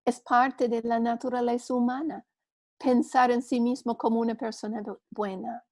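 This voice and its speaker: A woman's voice: fairly high pitch, flat delivery, moderate pace, darkish tone, no echo, studio quality. A woman teaching a church women's class, earnest and telling a story with small restarts.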